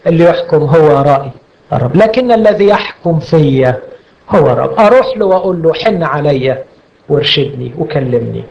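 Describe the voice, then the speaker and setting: A man preaching a sermon with an Egyptian Arabic accent, animated, asking and answering his own rhetorical questions. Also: on the high side, a little fast, vocal fry, muffled recording, a little hiss or hum.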